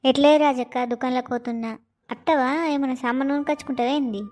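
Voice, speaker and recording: Feisty Telangana village woman, quick high voice, comic skit, woman performer. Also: fairly even intonation, a little mellow, lightly acted. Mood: chatty. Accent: Telangana Telugu. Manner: brash, quick, taunting. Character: feisty young village woman picking fights.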